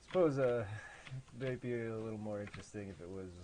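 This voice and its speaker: Low-voiced Midwestern game developer, nasal, sardonic and self-mocking while playing his own game, faint keyboard clicks behind. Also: fairly quick, darkish tone, a little hiss or hum, rough recording. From American Midwest. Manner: sarcastic, profane, self-deprecating. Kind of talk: gameplay commentary.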